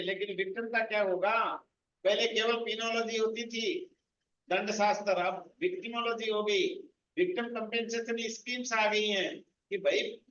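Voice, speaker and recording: A man teaching a law coaching class, mixing Hindi with slow, deliberate English legal phrases. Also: high-pitched, fairly bright tone, a little hiss or hum. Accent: Rajasthani Hindi. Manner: addresses students directly, explaining step by step. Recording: echoey, distant, muffled room recording.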